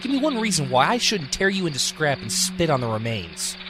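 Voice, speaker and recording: An actor playing a suspicious, hot-tempered echidna guardian in an amateur radio drama, blunt and sarcastic. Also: male voice, a little high, big pitch swings, brisk, over music. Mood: hostile, sarcastic. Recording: noisy home recording.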